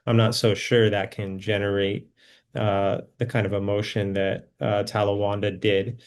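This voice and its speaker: A man who is a filmmaker guest in a casual conversation. He speaks thoughtfully and with hesitation, with many pauses. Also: on the low side, level tone.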